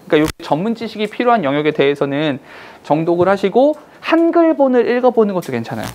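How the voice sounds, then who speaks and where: Male cram-school English teacher, animated and playful, slangy, checks in with his class constantly. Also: on the high side, a little hiss or hum. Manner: playful, slangy, acts out little skits with students. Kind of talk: lecture to high school students.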